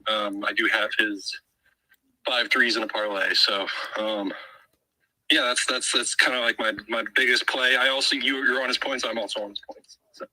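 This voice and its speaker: A man's voice: medium pitch, steady tone, normal speed, bright, forceful tone, dry recording, rough recording. A man out of breath, sharing his betting pick in a casual chat. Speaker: guest bettor.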